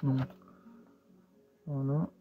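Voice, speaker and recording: A man's voice: mid-range voice, little pitch movement, drawn-out words. A man casually showing his purchases in a haul video, talking hesitantly with many fillers and restarts. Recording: tinny lo-fi sound with faint music.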